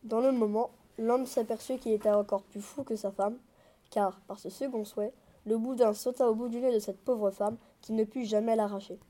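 A woman narrating a fairy tale aloud in a measured, expressive way. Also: fairly high pitch. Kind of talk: storybook reading.

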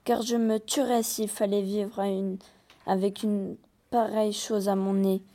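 An impulsive, vain peasant wife from an old fairy tale, read aloud by a woman. Her voice is mid-pitched, dark and mellow, read plainly with small hesitations. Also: level tone, a little slow, lightly acted. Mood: distraught.

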